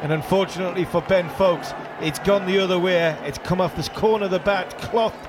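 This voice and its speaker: Male cricket commentator, fairly high voice, emphatic explanatory analysis, noisy ground behind. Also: fairly quick. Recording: noisy outdoor broadcast. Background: stadium background noise.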